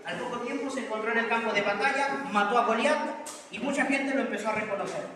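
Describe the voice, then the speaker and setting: A man preaches a dramatic sermon, putting questions to his congregation. His voice sits high. It booms through a large echoing hall, picked up from far off with a faint hiss.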